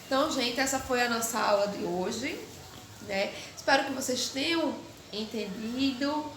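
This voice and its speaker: Brief: middle-aged woman teacher, high bright voice, patient explainer, echoey room with faint hiss. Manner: explains slowly, keeps asking "né?" to check understanding. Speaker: Spanish teacher. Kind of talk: recorded online class.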